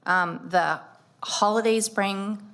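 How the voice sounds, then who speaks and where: A woman's voice: medium pitch, fairly even intonation, a bit bright. A woman on a school board speaking earnestly at a public meeting, getting choked up and stretching out words for emphasis. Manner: earnest, emotional, drawn-out emphasis.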